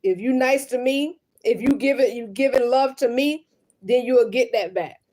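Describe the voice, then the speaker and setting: A woman's voice: fairly high pitch, normal speed, dark tone. A mother venting to the camera in a blunt, emphatic and profane way.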